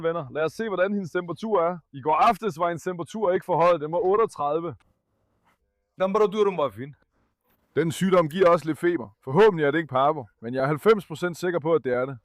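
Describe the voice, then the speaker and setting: Young adult male vlogger, earnest and coaxing; a somewhat high voice, dry recording. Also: no room sound. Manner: gentle and coaxing with the dog, earnest when addressing viewers. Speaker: animal caretaker and channel host. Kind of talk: casual vlog explaining care of a sick puppy.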